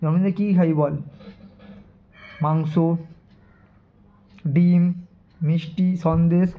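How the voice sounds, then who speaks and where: A man's voice: fairly high pitch, steady tone, takes it slowly. A man vlogging as he plays with his pet dog, coaxing and teasing it in affectionate baby talk. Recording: dull lo-fi phone audio.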